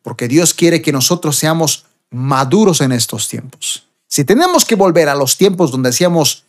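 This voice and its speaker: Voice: medium pitch, animated, moderate pace. A preacher from Bolivia, giving a sermon and reading scripture verses with rising emphasis.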